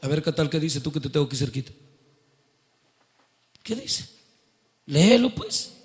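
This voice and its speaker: A man's voice: fairly high pitch, big pitch swings, moderate pace. A man preaching a sermon, quizzing his congregation and building to fervent outbursts.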